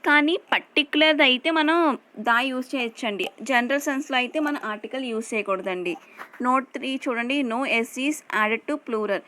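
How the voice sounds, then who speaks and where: A woman with a Telugu accent teaching English grammar, reading English definitions slowly and explaining them in Telugu. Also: sits high, pushed and bright, a little hiss or hum, low-quality recording. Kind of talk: explanatory lesson over slides.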